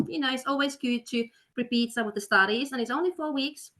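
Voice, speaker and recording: Over a video call, a study counselor hosting a webinar presentation speaks a little fast in a high, fairly bright voice. Her manner is upbeat and persuasive, and she fills her speech with many fillers.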